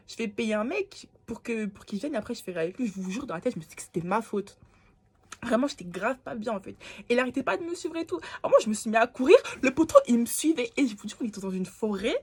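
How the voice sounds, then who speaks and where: A young woman from France telling a personal story to camera in casual slang, animated and sometimes dropping to a whisper. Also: a little high, fast talker, husky. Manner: animated, slangy, acts out quoted lines, drops to whispers. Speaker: storytime vlogger.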